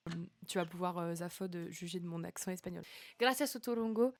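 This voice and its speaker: A woman's voice: on the low side, completely flat delivery, fast, dry recording. A young woman singer-songwriter chatting casually with viewers between songs, giggly and talkative, coughing now and then. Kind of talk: casual live-stream chat between songs.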